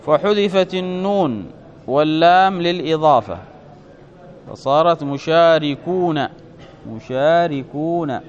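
A man's voice: on the high side, a little slow. A man with a slightly raised voice teaching a grammar lesson. He works through each step aloud, checks with his students as he goes, and stretches out his example words. The recording sounds dull and lo-fi.

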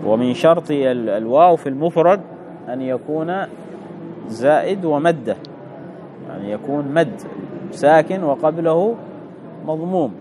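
A man teaching Arabic grammar, reading a text and explaining it slowly, repeating key words and putting questions to the listener. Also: fairly high pitch, animated, noisy background.

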